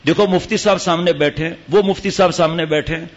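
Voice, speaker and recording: Rhetorical questions fill the stern sermon this religious teacher gives to a gathering at a mosque retreat as he scolds his audience. The recording is muffled, and his fairly high voice keeps a steady tone.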